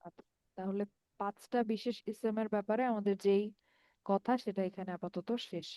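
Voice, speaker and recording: A woman's voice: medium pitch, steady tone, normal speed, mellow, no room sound. A woman from Bangladesh teaching an online Arabic grammar lesson, explaining patiently step by step and checking that students follow. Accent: Bangladeshi Bengali.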